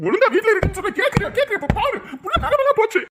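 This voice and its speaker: A woman's voice: very high-pitched, very animated, very fast, background noise. A woman voicing a scolding middle-aged village husband in a cartoon, with a Kanyakumari Tamil accent. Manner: nagging, blaming. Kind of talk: cartoon voice acting.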